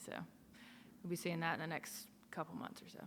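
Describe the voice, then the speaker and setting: A woman's voice: sits low, little pitch movement, fairly quick, noisy background. A woman singer chatting casually as a guest, modest and agreeable. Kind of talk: casual chat. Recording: reverberant room.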